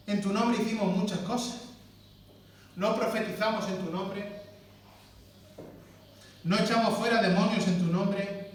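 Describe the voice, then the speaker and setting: A man preaching a sermon as pastor, stressing his points by repeating words. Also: sits high. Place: church hall. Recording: very echoey church from far off.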